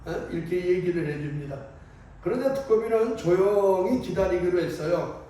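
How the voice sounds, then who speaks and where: A man's voice: high voice, animated, moderate pace, dark tone. A man preaching a sermon as a priest, telling a story in a conversational way and asking the congregation questions. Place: church. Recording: echoey church from a distant mic.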